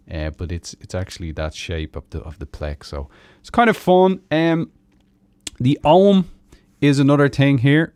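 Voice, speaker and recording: An Irish man hosting a weekly music live stream, chatting casually between songs in a relaxed, rambling way with many fillers. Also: low voice, clean tone, dry recording.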